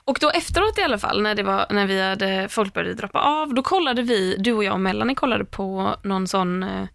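A woman co-hosting a podcast, chatting casually and telling an animated story, swearing freely. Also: mid-range voice, gravelly, dry recording, clean studio sound. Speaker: podcast co-host. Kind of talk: casual chat.

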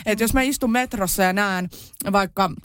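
A woman's voice: medium pitch, clear, resonant tone, dry recording, studio quality. A woman co-hosting a casual chat, speaking in a thoughtful, hesitant way with fillers. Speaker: podcast co-host.

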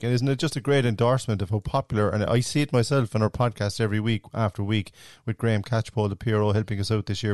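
An Irish man interviews a guest as a podcast host, effusive and encouraging. His voice sits a little low and moves along quickly. The sound is dry and close. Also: darkish tone, dry recording. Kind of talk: conversational sports interview.

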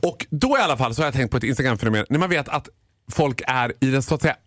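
A man's voice: mid-range voice, no room sound, clean studio sound. A man in his thirties doing casual radio banter, telling stories with lots of acted-out dialogue. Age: 30s. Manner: animated storyteller, acts out dialogue. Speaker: radio show regular.

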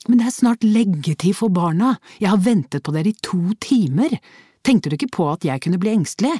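A woman's voice: mid-range voice, lively intonation, mellow, slightly rough, no echo, studio quality, voice pushed up. A woman reading the lines of an angry, reproachful husband in an audiobook. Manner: reproachful, irritated. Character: angry worried husband, middle-aged man.

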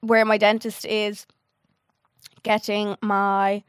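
A woman's voice: medium pitch, completely flat delivery, slow pace, clear, resonant tone, no room sound, clean studio sound. A young Irish woman co-hosting a podcast, talking in a chatty, gossipy way with a slight lisp. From Ireland. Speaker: podcast co-host. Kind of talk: casual chat.

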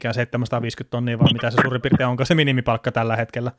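A man's voice: medium pitch, flat delivery, fairly bright tone, no echo, clean studio sound. A man hosting a casual sports podcast, chatty and rambling, laughing now and then. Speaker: podcast host.

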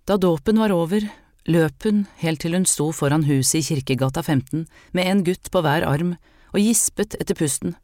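Measured audiobook narrator, middle pitch, dry close recording. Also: a little mellow, no echo. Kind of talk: scripted narration.

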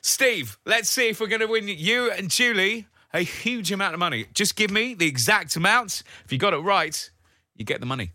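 A man hosting a radio phone-in competition in an upbeat presenting style, drawing out pauses for suspense, close on a studio mic. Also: high-pitched, lively intonation, sharp tone, no room sound. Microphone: close, dry studio microphone.

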